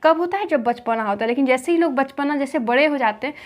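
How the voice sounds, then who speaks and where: A woman's voice: high voice, fast. A woman teaching a general knowledge lesson, asking questions and answering them herself, with little stories to help facts stick. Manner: spins little stories to fix facts in memory. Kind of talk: explanatory lesson with memory tricks.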